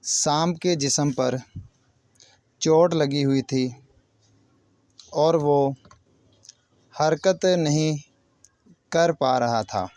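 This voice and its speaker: Narrating a moral story for young listeners, a man speaks like a teacher in short, separated phrases, pausing often. His voice is fairly high with a darkish tone, and there's no room sound. He's a children's storyteller who hosts a channel.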